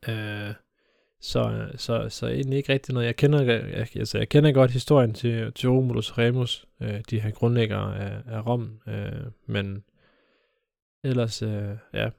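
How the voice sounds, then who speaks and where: A man's voice: mid-range voice, fairly even intonation, gravelly, a little mellow, no echo, clean studio sound. A young man co-hosting a casual podcast chat, joking and hesitant with many fillers. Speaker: podcast co-host.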